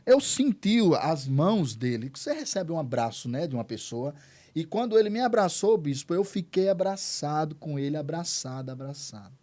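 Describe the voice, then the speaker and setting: A man's voice: on the high side, big pitch swings, normal speed, dark tone. A man, a pastor, telling his testimony as an interview guest, earnest and repeating words for emphasis. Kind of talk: emotional testimony in conversation.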